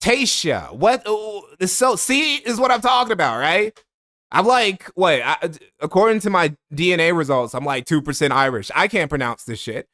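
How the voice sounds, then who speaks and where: Brief: male streamer, slightly high voice, cussing and mocking through casual live commentary. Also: fairly bright tone. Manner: blunt, profane, mocking. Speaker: streamer reacting to a video.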